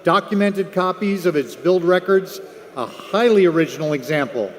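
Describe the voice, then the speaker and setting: High-pitched male lot announcer, reverberant hall. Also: normal speed, slight background noise. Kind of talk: descriptive lot presentation. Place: large auction room. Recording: echoey hall through PA.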